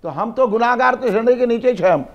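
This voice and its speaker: A man's voice: very high-pitched, fairly quick. A man preaching a devotional sermon, building emphatic repetitive lists and prompting the crowd to respond. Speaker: preacher at a religious gathering. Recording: dull lo-fi event recording.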